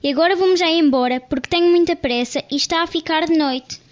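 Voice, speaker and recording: A greedy little storybook girl, voiced by a woman calls out in a tiny, very high child's voice. She sounds eager and a little sly. The audio is dull and lo-fi, like an old radio broadcast. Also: brisk. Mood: calling, eager.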